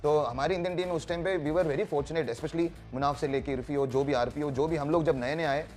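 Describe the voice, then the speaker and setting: A male former fast bowler speaks. He talks eagerly about his cricketing days on a studio panel, with faint music in the background. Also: a little high, darkish tone.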